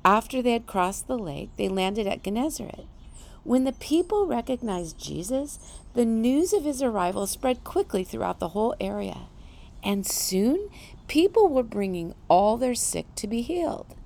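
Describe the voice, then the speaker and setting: A woman with a fairly high, creaky voice gives an animated devotional Bible teaching at a moderate pace. She asks rhetorical questions and laughs lightly as she reads the story.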